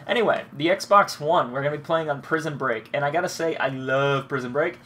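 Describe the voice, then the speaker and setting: A young gaming commentator with a cold and blocked nose rambles through his own gameplay, relaxed and swearing freely. His fairly high voice comes out brisk, bright and forceful.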